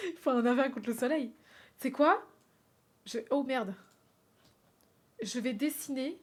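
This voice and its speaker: High-voiced playful woman streamer. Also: very animated, takes it slowly, slightly rough. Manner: playful, exclamatory, chatty with viewers. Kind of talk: live-stream commentary while drawing in a game.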